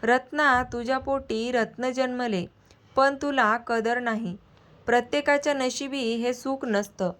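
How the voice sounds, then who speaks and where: A wise, gentle middle-aged aunt who comforts and firmly corrects her nephew, as a woman storyteller plays her. Her slightly high voice stays soft and patient. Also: steady tone, a little slow. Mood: tender.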